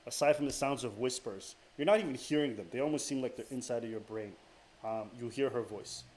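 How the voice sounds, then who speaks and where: A man's voice: mid-range voice, brisk, a little mellow. A man narrating a tabletop game as dungeon master, hesitant, with frequent fillers and restarts. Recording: clear background noise.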